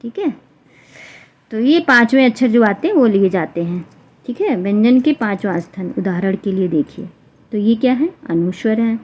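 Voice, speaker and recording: A woman teacher explaining a grammar lesson for exam students, repeating example sounds slowly one by one. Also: fairly high pitch, animated. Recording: dull lo-fi recording with faint noise.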